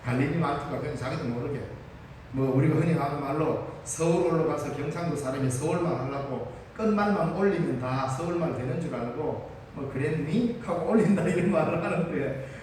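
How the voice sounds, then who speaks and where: Brisk and a little high, this pastor's voice has a darkish tone. Speaking with a Gyeongsang accent, he delivers a Sunday sermon in a church sanctuary, vividly narrating and performing the characters' lines, captured from a distance in an echoing hall with slight background noise.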